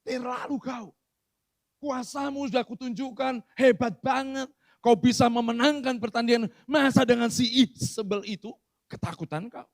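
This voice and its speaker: A man voicing a stern, scolding male God with a Batak-style accent, blunt and shouting. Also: very high voice, normal speed, creaky, no room sound, clean studio sound, voice pushed up.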